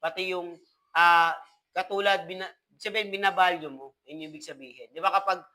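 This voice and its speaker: Young man, Filipino accent, preacher, bright high voice, conversational devotional teaching. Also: fairly even intonation, a little fast, poor audio. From Philippines. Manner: mixes Tagalog and English, frequent "po" and "no?".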